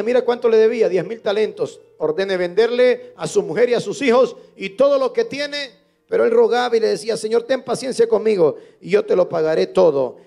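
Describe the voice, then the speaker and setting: A man's voice: high-pitched, vocal fry, mellow. A male pastor preaching a sermon at a church service, often putting questions to the congregation.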